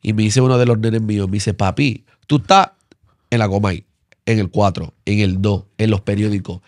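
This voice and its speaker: Earnest Puerto Rican pastor, dry close sound. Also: male voice, fairly even intonation, normal speed, no room sound. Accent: Puerto Rican Spanish. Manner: earnest, repeats himself, voice drops low and soft when moved. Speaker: pastor, interview guest. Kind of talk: emotional storytelling interview.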